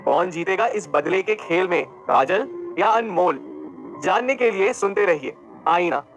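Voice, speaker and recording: A man narrating a scripted audio drama in a measured, dramatic manner. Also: high voice, expressive, gravelly. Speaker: storyteller. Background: background music.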